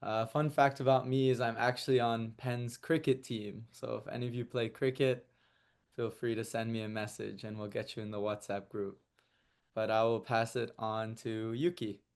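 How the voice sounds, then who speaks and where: Smooth-voiced young man from Germany. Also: mid-range voice, little pitch movement, normal speed, a little mellow. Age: 20s. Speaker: student panelist. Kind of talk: casual introduction. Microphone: video call.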